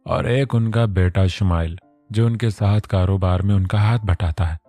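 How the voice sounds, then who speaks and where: A low-voiced man reads a romance novel aloud in a steady storytelling manner. His tone is mellow and close, with dry sound and faint music underneath. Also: moderate pace, dry recording. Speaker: narrator. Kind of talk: scripted narration of a romance novel.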